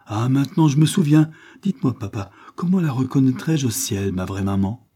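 A man reading aloud, voicing a feverish, dying little boy in a raised, soft, pleading voice. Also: mid-range voice, animated, normal speed, breathy edge, voice pushed up.

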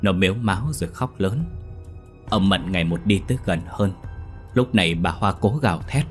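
A man narrating a scripted horror story in a lively storytelling manner. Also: low-pitched, normal speed, faint music behind.

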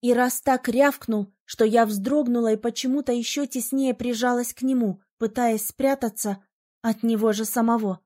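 A woman narrating a novel in the first person, reading in an expressive, lively way. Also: on the high side, moderate pace. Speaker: audiobook narrator.

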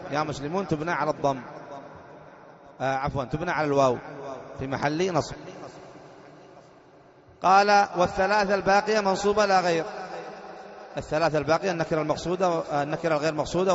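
A man teaching Arabic grammar as a sheikh to a class. He dictates slowly, repeats phrases and quizzes his students. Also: fairly high pitch. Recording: dull, echoey hall recording with a crowd behind.

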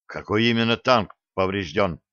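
A man's voice: on the low side, normal speed, a bit bright, no room sound, lo-fi sound, lightly acted. A man voicing a tense young male tank lieutenant with terse soldier's speech in an audiobook character reading.

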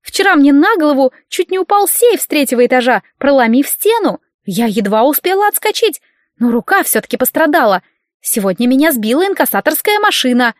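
A woman voicing a whiny, hysterical injured woman who complains in a shrill voice in an audiobook. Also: big pitch swings, a little fast, no room sound, clean studio sound. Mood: whining.

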